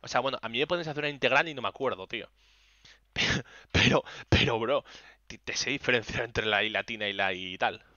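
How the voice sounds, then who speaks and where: A young man from Spain with a very bright, forceful voice tells animated, exasperated stories and swears freely while streaming a game. His accent is clearly Spain Spanish. The sound is dry and a little dull, like a cheap streaming mic. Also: mid-range voice, fairly quick, dry recording. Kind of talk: casual live-stream chat while gaming.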